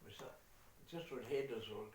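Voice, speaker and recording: An older man with a New Zealand accent rambles through family stories in a salty, casual manner, dropping in some mild swearing. His voice is mid-range at a normal pace, recorded far from the mic in an echoey room with faint noise.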